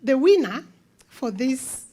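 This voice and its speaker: A woman's voice: sits high, big pitch swings, slow pace, mellow. A woman, a co-director reading out raffle numbers at an event, casual and chatty with hesitant fillers. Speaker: co-director drawing raffle winners.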